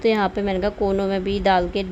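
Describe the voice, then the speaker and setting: A chatty woman talking through her household chores in a relaxed vlog voice-over. Her pitch sits in an ordinary middle range. She laughs lightly now and then, and a faint hiss of noise runs underneath. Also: quick pace, muffled recording. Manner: chatty and homely, frequent little laughs and tag questions. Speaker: home vlogger. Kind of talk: casual voice-over narration of housework.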